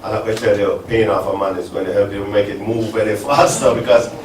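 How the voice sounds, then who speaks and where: An earnest man from Jamaica talks at a business event, restarting his sentences as he goes. His voice sits a little low, heard from some distance in a roomy, echoing hall with a faint hiss underneath. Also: fairly even intonation, fast talker. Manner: rambling, restarts often, earnest. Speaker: business speaker at a symposium. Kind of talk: live panel talk answering audience questions. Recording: echoey event hall from far off, faint noise.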